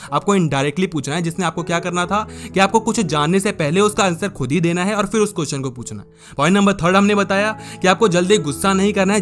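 A man's voice: high-pitched, fairly bright tone. A man giving casual self-help advice straight to the viewer, chatty and direct, calling the listener brother. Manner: chatty, addresses viewer as brother, mimics people. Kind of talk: casual Hindi advice talk to camera.

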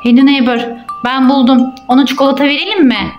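A mother narrating toy play in an animated way, urging and hurrying along with excited calls. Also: high-pitched, fast talker, muffled recording. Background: music.

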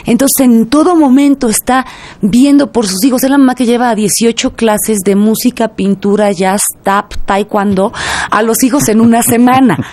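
Animated woman explaining on radio. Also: fairly high pitch, normal speed. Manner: lively and didactic, speaks directly to listeners. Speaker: guest expert on sexuality.

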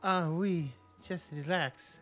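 A man's voice: a little high, a bit bright, faint music behind. A man voicing a flirty male spa attendant with a put-on French accent, teasing and sultry. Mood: seductive. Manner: sultry, teasing, drawn-out delivery.

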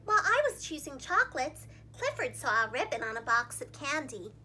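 Bright and very high-pitched, this young storytime host and preschool teacher gives an animated, dramatic read-aloud for young children at a brisk pace. Faint music plays behind her as she sits against a plain wall in a small room.

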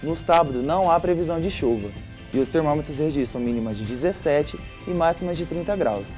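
A young man reads the weekend weather in a steady, scripted way. His voice is mellow and a touch high, with faint music in the background. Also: fairly quick. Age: young adult. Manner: steady, even reading. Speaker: weather presenter. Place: studio with weather map.

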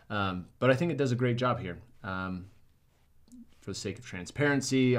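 A young man sitting at a desk in a small studio, casually critiquing ads to the camera in an upbeat way, with lots of "um"s. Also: deep voice. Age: young adult. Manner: upbeat, many "um"s and "right?". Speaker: marketing reviewer.

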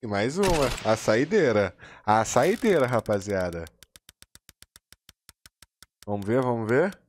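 A man with a Brazilian Portuguese accent, a gaming streamer giving casual case-opening commentary, excitable and full of slang, jumping into high squeals when he wins. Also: takes it slowly, soft background music. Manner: excitable, slangy, hyping himself up.

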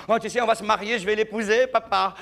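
A man's voice: high voice, fairly even intonation, a little fast, fairly bright tone. A male comedian voicing an exasperated young woman in love, pleading in breathless outbursts. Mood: gushing. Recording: reverberant hall.

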